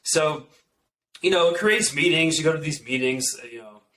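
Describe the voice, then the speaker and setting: A man in his thirties, an orthopedic surgeon, telling stories from residency in a casual, animated way full of "like" fillers. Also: fairly high pitch, normal speed, poor audio. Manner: animated, many "like" fillers, quotes others in asides. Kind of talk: casual podcast storytelling.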